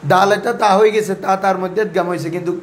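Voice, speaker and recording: A man with a high voice and fairly even intonation fires off words rapidly over crowd noise. He teaches Arabic grammar and Quran recitation rules, quizzing his pupils by repeating questions again and again and having them answer back.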